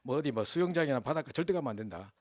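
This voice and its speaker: This is a man doing a worried old grandfather inside a sermon story. He scolds and shouts, his pitch swings widely, and the room sounds dry and close. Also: lively intonation, very fast, no echo, close to an everyday voice. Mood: stern. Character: anxious old grandfather, overprotective and quick-tempered.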